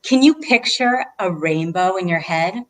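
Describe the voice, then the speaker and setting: A woman with a low-leaning, animated voice talks a little slowly on a rough recording. Hosting a children's read-aloud as a librarian, she encourages the kids and puts questions to them.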